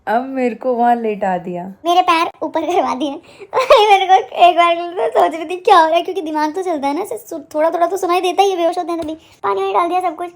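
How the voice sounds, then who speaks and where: Young female vlogger with a high voice, chatty and animated, retelling an event. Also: fast. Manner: animated retelling, acting out what others said. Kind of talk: casual storytelling to camera.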